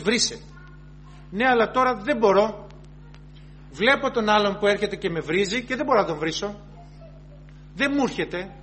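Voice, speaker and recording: A man's voice: high-pitched, fairly bright tone, slight background noise. A man preaching a sermon, earnestly repeating and rephrasing his points and reading scripture aloud before explaining it.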